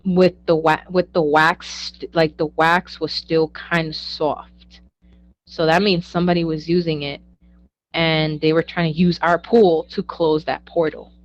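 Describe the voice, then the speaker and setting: Lively young woman telling ghost stories. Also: deep voice, measured pace, highs cut off, slight background noise. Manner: animated, acts out quoted dialogue, laughs often. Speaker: guest, psychic medium. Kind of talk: casual storytelling interview.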